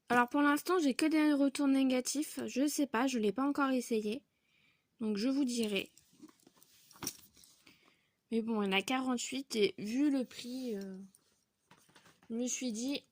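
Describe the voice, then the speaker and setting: A woman vlogger showing her coloring supply purchases in a casual haul video, chatty and filling pauses with little connecting words. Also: a little high, slight background noise. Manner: chatty, fills pauses with donc and voilà.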